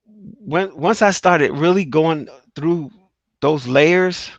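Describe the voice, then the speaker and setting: A man's voice: fairly high pitch, takes it slowly, vocal fry, dry recording. A middle-aged man hosting an interview, speaking earnestly and testifying from his own life with emphatic repeats. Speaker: host. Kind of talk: casual interview talk. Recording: dry, slightly dull sound.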